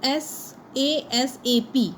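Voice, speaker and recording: A woman teaching a grammar lesson. Her voice sits a little high, and she keeps asking questions and then answering them. A faint hiss runs under the recording. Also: steady tone, fairly bright tone, low-quality recording. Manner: asks the class questions and answers them herself, switches between Hindi and English; reads English definitions slowly and carefully.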